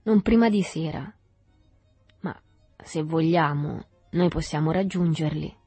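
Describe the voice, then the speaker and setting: A woman reading the lines of a gruff older boatman who speaks with calm, curt scorn in an audiobook. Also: low voice, unhurried, no room sound, soft background music, full character voice.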